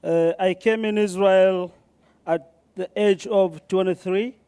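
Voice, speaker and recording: Smooth, high-pitched man with Sudanese accent. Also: steady tone, slow, mellow. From Darfur, Sudan. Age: young adult. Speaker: student panelist. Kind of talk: self-introduction to an audience at a conference.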